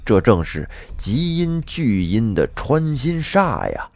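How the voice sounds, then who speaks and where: A man voicing a middle-aged male Taoist feng shui master who speaks in slow, drawn-out pronouncements. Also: mid-range voice, sing-song, a little mellow, dry recording, faint music behind. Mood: solemn.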